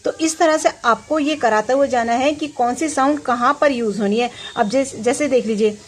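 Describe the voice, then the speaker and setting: Patient woman spelling words slowly. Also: high voice. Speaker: teacher. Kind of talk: home tutoring lesson.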